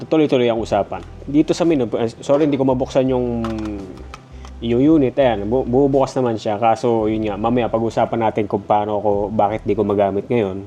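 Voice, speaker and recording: A man with a Filipino accent and a stuffy nose gives a casual, conversational review of a gadget. His voice is mid-range and mellow.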